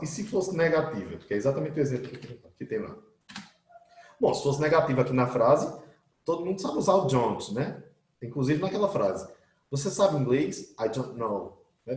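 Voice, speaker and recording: A man's voice: medium pitch, moderate pace. A man teaching an English grammar class online, acting out his students' questions as he explains. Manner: lively, voices imagined student questions. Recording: echoey room.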